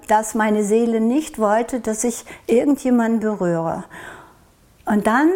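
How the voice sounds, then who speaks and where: A woman from Norway tells her story to an interviewer in a soft, reflective way, with a voice pitched a little on the high side. She often breaks off and restarts as she searches for the right words. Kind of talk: recounting a personal experience in an interview.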